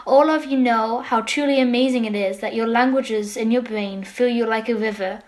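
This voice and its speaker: High-pitched woman reciting reflectively. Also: fairly even intonation, normal speed. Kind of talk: reflective scripted monologue switching between languages.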